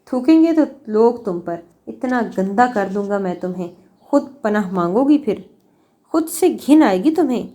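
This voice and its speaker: A woman's voice: mid-range voice, lively intonation, mellow, lightly acted. A woman voicing a cruel, vengeful young man who makes sneering threats. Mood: taunting, menacing. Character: cruel young male villain, vengeful and taunting.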